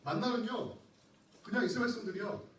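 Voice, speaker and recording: Brief: animated male youth pastor with a high voice, preaching in an echoey hall from a distant mic. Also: quick pace, a little hiss or hum. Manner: animated, asks the congregation questions, joking asides. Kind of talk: sermon to a youth group. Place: church hall.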